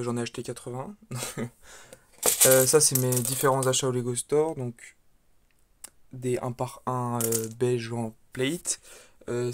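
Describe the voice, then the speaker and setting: A man talks through his brick model project in a loose, unhurried way, pausing often and restarting sentences as he films. His pitch sits in an ordinary middle range. He sounds like someone showing friends around his hobby table. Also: noisy background. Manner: relaxed, hesitant with frequent fillers and restarts. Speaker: video creator presenting his model build. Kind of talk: casual walkthrough commentary.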